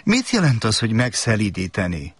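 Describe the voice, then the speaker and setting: A man's voice: lowish voice, wildly swooping pitch, slightly rough, no room sound, full character voice. A man voicing a young, earnest, curious little prince in a storybook reading, polite and eager in his questions.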